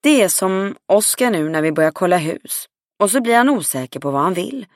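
Woman reading a swearing, self-assured woman friend; low voice, dry booth sound. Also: expressive, no room sound. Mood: blunt. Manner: outspoken and emphatic, swears freely. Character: blunt, confident adult woman friend. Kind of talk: audiobook dialogue reading.

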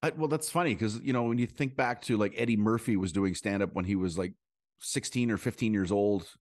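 A man's voice: lowish voice, a little mellow, no echo, studio quality. A man, a stand-up comedian guest on a podcast, telling rambling stories in casual conversation, full of asides. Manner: rambling storyteller with quick asides and voice impressions.

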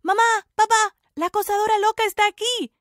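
A woman voicing a young man who shouts sharply at an intruder and then speaks calmly and firmly. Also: high-pitched, brisk. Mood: angry. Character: young man, annoyed, then furious at a stalker.

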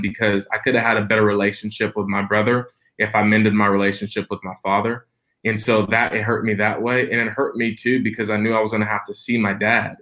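A man's voice: on the low side, fairly bright tone. A man in his twenties, a preacher and podcast guest, telling a personal story in an earnest, reflective way with frequent restarts. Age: 20s.

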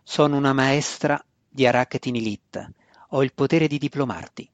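A man reading an audiobook, voicing a stern, proud dark elf high priestess who speaks with cold, scornful authority. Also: normal speed, dry recording, dull audio, lightly acted. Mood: commanding.

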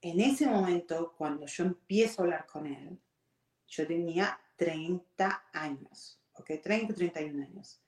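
A woman's voice: fairly low pitch, unhurried, darkish tone. A middle-aged woman with an Argentine accent telling a personal story to her audience in a candid, confiding way, slipping in English words. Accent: Argentine Spanish. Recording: echoey room.

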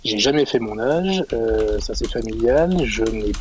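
A man in his forties calling in to a radio show, talking in a halting way with many pauses and fillers. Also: fairly low pitch, lively intonation, a little hiss or hum, poor audio. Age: 40s. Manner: hesitant, halting, frequent fillers. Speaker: caller. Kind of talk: radio call-in chat.

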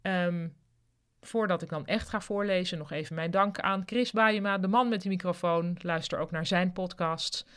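A podcast host reading a novel chapter aloud in a calm, plain storytelling way into a studio microphone. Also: mid-range voice, moderate pace, clean tone. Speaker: podcast reader and author.

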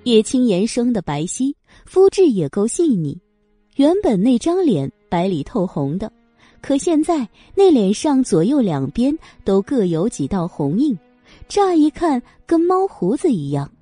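A woman narrating a romance novel audiobook with expressive storytelling. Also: a little high, a little slow, dry recording, soft background music.

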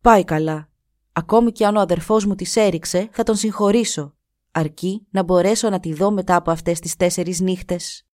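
A woman's voice: fairly low pitch, a little mellow, dry recording, clean studio sound, natural voice. A woman voicing a devoted young husband set on finding his wife. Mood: earnest. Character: devoted young married hunter, patient.

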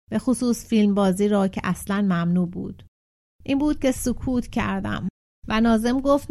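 Woman reading a story aloud. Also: medium pitch. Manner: steady storytelling, shifts tone for quoted characters. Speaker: narrator reading a short story. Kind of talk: audiobook narration with voiced dialogue.

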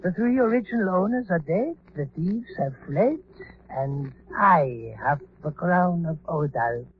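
Cultured murderous schemer, old radio play, precise high voice, tinny and hissy. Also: male voice, lively intonation, measured pace. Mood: gloating, menacing. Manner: theatrical, gloating, precise. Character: scheming, gloating male villain, cultured professor and murderer. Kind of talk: old-time radio drama acting. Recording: tinny, noisy vintage radio recording.

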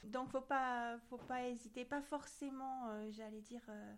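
A native French-speaking woman speaks as a guest in a casual interview. Her voice sits a little high, and she talks in a friendly, chatty way. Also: steady tone, unhurried.

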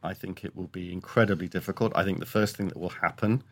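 Very low-voiced man, emphatic interview guest. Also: fairly even intonation, fast talker, no echo. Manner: emphatic, opinionated. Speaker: economics columnist, podcast guest. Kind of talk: studio interview commentary.

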